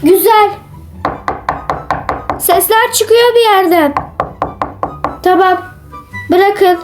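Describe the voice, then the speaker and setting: A woman's voice: very high voice, pitched above the performer's own voice. A woman voicing a dismissive female teacher who only cares about her salary and throws pupils out of class. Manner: dismissive, rude.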